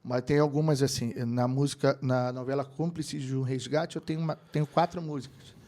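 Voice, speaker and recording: A middle-aged keyboardist and music producer from Brazil, interviewed casually as a guest, talks briskly in a medium-pitched voice. He tells animated anecdotes, putting on quoted voices and laughing.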